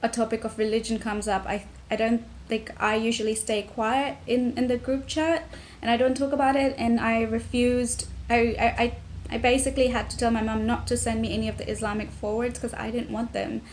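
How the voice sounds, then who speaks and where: A woman's voice: a little high, little pitch movement, fairly quick, darkish tone. Reflective young woman with faint noise. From Tanzania. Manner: reflective, frequent ums and restarts. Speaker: vlogger. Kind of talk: personal talk to camera.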